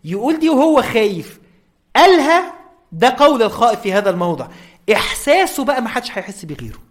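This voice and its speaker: A man's voice: very high-pitched, big pitch swings, fast. A man with an Egyptian accent giving an informal religious lecture, checking in with his listeners often. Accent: Egyptian Arabic.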